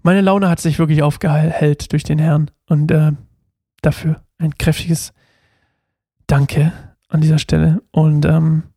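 A young man with a somewhat high, gravelly voice hosts a laid-back Bible study podcast. He talks in a chatty, self-mocking way, rambling through fillers and asides. The sound is dry and close, as if recorded in a small room. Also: flat delivery, a little slow, mellow, no echo. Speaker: podcast host reading and explaining the Bible.

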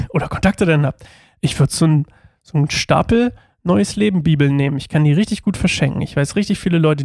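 Podcast guy reading the bible and chatting about it, kinda high voice, dry close sound. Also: darkish tone, dry recording. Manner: chatty, loose, often restarts mid-sentence. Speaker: podcast host. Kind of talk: casual Bible reading and commentary.

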